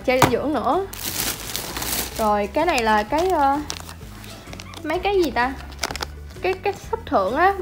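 Woman, higher voice, chatty and doting home vlogger, music bed behind. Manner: doting, chatty, talks baby talk to puppies. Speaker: pet vlogger. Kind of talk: casual vlog narration.

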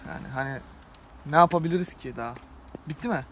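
A man's voice: on the high side, quick pace, slight background noise. A young man hosting a casual vlog by a parked car outdoors, teasing and swearing with a friend in slangy banter. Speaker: vlogger.

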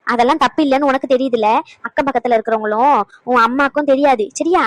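A woman plays a sarcastic old grandmother in a cartoon. She talks fast in a high voice and scolds her grandson. The sound is dry and close. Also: no echo, lightly acted, rough recording. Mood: scolding.

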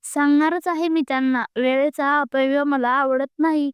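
A woman's voice: high-pitched, steady tone, normal speed, dry recording, clean studio sound, close to an everyday voice. A woman voicing a punctual, irritable young man who complains curtly. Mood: irritated. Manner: curt, complaining.

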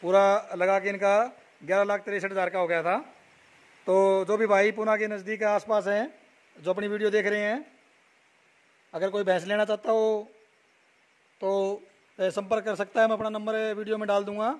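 A young man from Haryana, India, touring a buffalo shed at night and chatting as a dairy vlogger. He repeats numbers and names back and fills pauses with "a". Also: high-pitched, flat delivery. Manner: repeats figures and names back, many "a" fillers. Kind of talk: casual walk-around video with interview.

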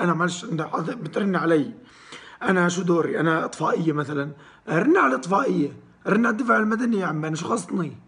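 A man's voice: high-pitched, fairly bright tone. A young man performing a comic sketch, ranting in an exasperated, dismissive way. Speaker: comedian.

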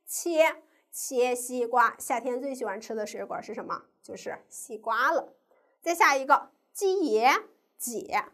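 A woman with a high voice teaches a lesson to young children. Her pitch swoops up and down a lot. She asks the class questions and stretches out each sound in a sing-song way. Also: a bit bright. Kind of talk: primary school pinyin lesson.

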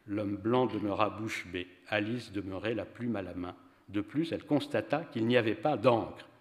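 A man giving a measured, expressive public reading of a story at a literary event. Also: fairly low pitch. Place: venue hall for a public reading. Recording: reverberant hall.

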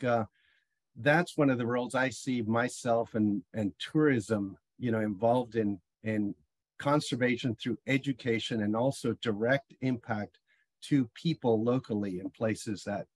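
A middle-aged man from Chile speaks on a video call in a husky, breathy voice. The sound is dry and close, and he talks eagerly, rambling and restarting his sentences. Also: medium pitch, darkish tone, no room sound. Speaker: panel guest, bird tour guide. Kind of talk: casual panel discussion. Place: home office on a video call.

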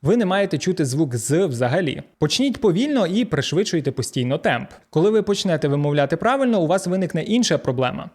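A man with a Ukrainian accent teaching English pronunciation, slowing down to model each word and giving its translation. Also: a little high. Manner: lively, slows down to model English words. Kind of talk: pronunciation lesson.

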